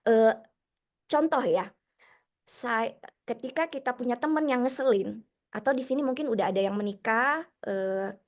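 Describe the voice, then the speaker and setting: A young woman, a special-needs teacher giving a webinar talk to teachers and parents, telling stories in a lively way and acting out the voices she quotes. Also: fairly high pitch, moderate pace, pauses often. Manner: lively storytelling, acts out quoted voices, chatty asides.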